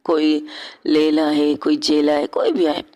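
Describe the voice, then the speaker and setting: A woman's voice: low-pitched, little pitch movement, takes it slowly, darkish tone. Woman reading a soothing young woman, tender, reassuring, repeats herself, everyday voice. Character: young woman soothing her crying lover. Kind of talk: audio story character reading.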